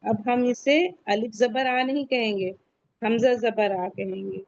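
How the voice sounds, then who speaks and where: Woman, tajweed teacher, slow careful pace, higher voice, dry slightly dull recording. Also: steady tone, creaky, no room sound. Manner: slow, repeats questions and answers them herself. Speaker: Quran recitation teacher. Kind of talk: online tajweed lesson, screen shared.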